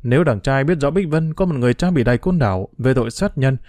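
A man reading a first-person diary novel aloud, emotional and expressive. His voice is dark and mellow, and his pitch moves widely through each sentence. The recording is close and dry. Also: fast talker, no room sound. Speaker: audiobook narrator.

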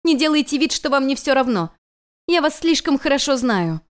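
A woman's voice: high-pitched, a little fast, pitched above the performer's own voice, natural voice. A woman voicing a young female goddess student, impulsive and stormy, crying out in pleading outbursts. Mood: distraught.

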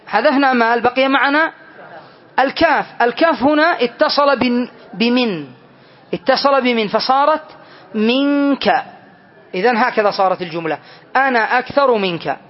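A man teaching a classroom grammar lesson, explaining step by step and checking with students through questions. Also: extremely high pitch. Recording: dull lo-fi lesson recording.

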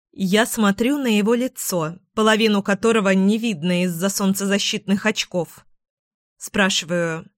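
Slow, dry first-person audiobook narration by a woman. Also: mid-range voice, dry recording.

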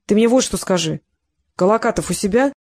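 A woman reader doing a tired, wry middle-aged investigator stuck in a hospital bed. He talks dry and gruff, with a bit of a grin in it. The audiobook voice is close to the mic, with a dead, dry sound. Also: high-pitched, expressive, fairly quick, a little mellow, dry recording.

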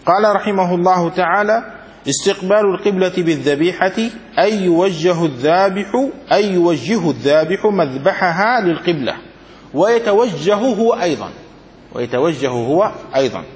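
A man teaching a classroom lesson as a sheikh, reading out a text, then explaining it, repeating phrases and asking if it is clear. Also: high-pitched, expressive, moderate pace, big-room sound. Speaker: sheikh teaching Islamic law.

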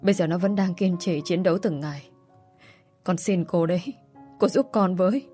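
A woman's voice: lowish voice, moderate pace, dark tone, soft background music, close to an everyday voice. A woman voicing a young mother tearfully begging for her sick son's life. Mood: pleading. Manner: pleading, tearful.

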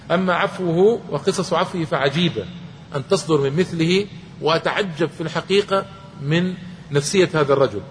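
Male lecturer, higher voice, storytelling, faint noise behind. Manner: storytelling, repeating phrases for emphasis. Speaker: Islamic lecturer. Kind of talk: religious history lecture. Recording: long reverb, faint background noise.

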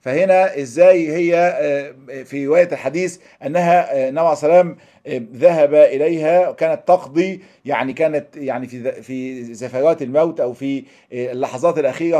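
A man's voice: fairly high pitch, mellow. A man with an Egyptian Arabic accent giving a religious lesson, moving between formal recitation and colloquial explanation and posing rhetorical questions. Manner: rapid, thinking aloud with rhetorical questions. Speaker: preacher.

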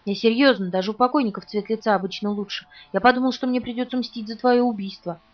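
A woman reading an audiobook, voicing a calm, mocking teenage boy in a teasing, unhurried way. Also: fairly high pitch, close to an everyday voice. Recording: distant, muffled, soft music.

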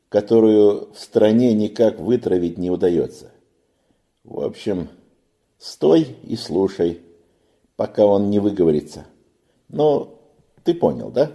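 Storybook sailor, friendly and brisk, played by a man, warm and low-toned. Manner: brisk, coaxing, folksy. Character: friendly young male ship's sailor, reassuring.

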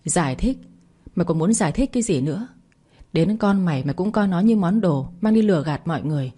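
A woman's voice: on the low side, animated, warm tone, breathy edge. A woman doing a raging, grieving young wife. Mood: furious. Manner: fast, accusing, raging. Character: grief-stricken young wife, furious at her betrayer.

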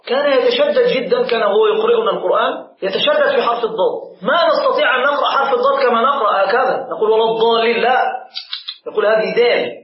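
High-voiced quick sheikh teaching in an echoey room. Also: male voice, lo-fi sound. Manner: animated teacher, demonstrates pronunciation slowly, answers questions. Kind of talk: religious lesson to a live class.

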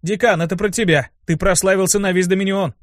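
A man's voice: high-pitched, very animated, normal speed, no echo, clean studio sound, voice pushed up. A man voicing an eager, naive little male imp recruit in an audiobook, with a bleating voice.

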